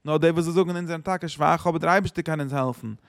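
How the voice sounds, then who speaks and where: A man's voice: fairly high pitch, fast, creaky, dry recording, clean studio sound. A man explaining a psalm chapter, quoting verses and translating them with many restarts. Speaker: Torah teacher.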